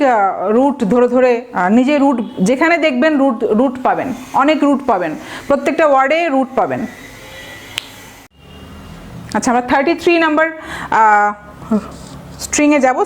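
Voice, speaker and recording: A woman with a Bangladeshi accent gives an exam-prep vocabulary lesson in a high voice. She explains word roots step by step and keeps checking that her listeners follow. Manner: explains patiently with frequent checking questions. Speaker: vocabulary teacher.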